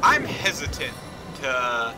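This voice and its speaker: A man's voice: mid-range voice, big pitch swings, takes it slowly, music in the background, rough recording. Laid-back rambling young gamer guy. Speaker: co-op gameplay commentator. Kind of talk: casual gaming banter.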